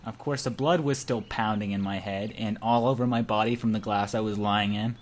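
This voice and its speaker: A young amateur narrator reads a visual novel aloud in a hammy, playful style, mixing dramatic reading with joking asides. His voice is on the low side, steady in tone, and brisk. It's an amateur home recording with clear background noise.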